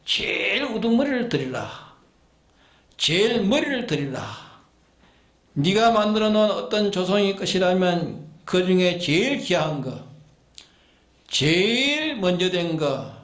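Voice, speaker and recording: A man with a notably high voice preaches a sermon. He presses his congregation with repeated commands and sharp rhetorical questions. His voice rings out in an echoey church room. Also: very animated, unhurried. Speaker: pastor. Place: church sanctuary.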